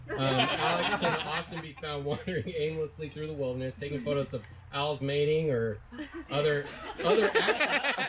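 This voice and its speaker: A man in his early thirties giving an informal, self-deprecating comedic speech as best man at a wedding reception. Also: on the high side. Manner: self-deprecating, joking, chuckles through his words. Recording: live event with loud crowd laughter.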